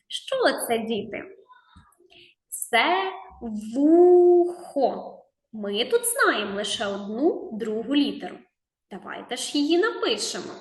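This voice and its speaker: A woman teacher talking slowly and coaxingly to small children in a reading and writing lesson. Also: a little high, a bit bright, reverberant. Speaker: preschool teacher.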